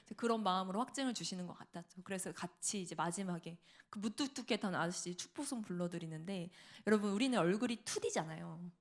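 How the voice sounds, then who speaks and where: Fast-talking woman preaching. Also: on the low side. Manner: lively storytelling with laughter and acted-out quotes. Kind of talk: sermon testimony. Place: church sanctuary.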